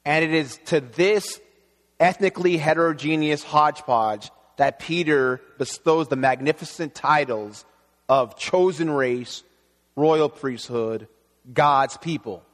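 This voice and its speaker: A man born in Haiti, preaching an earnest, measured sermon as pastor. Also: fairly high pitch. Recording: long reverb in a hall.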